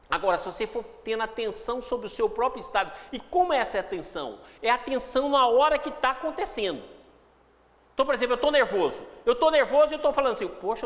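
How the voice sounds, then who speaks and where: A man's voice: very high-pitched, a bit bright, in a large hall. A man giving a reflective spiritual talk with a Brazilian Portuguese accent, acting out inner dialogues in shifting voices. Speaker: spiritual teacher.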